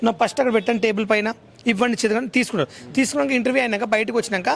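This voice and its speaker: A man, talking at a rapid clip in an agitated, heated interview. His voice sits very high and has a gravelly edge. He keeps slipping into a mocking, broken-English imitation of others.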